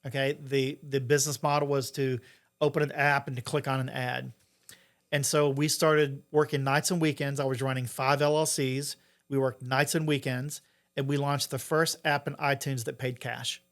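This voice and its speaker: A middle-aged man with a medium-pitched voice, talking as an interview guest. He explains things in an informal, conversational way. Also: little pitch movement, moderate pace. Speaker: interview guest, entrepreneur and investor.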